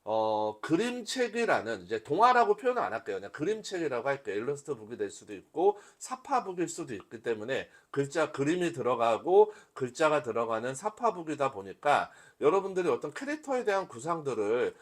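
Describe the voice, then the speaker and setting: A medium-pitched man with big pitch swings runs a workshop in an informal live-lecture style, talking a little fast with few pauses. He explains things step by step, speaks conversationally to his listeners, and poses rhetorical questions.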